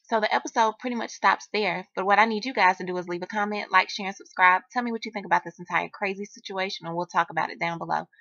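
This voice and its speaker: A woman's voice: mid-range voice, steady tone, fast talker, few pauses, pushed and bright, dry recording. A woman hosting a reality TV recap in a sassy, chatty style, calling her viewers "honey.". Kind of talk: casual commentary. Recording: dull lo-fi, dry.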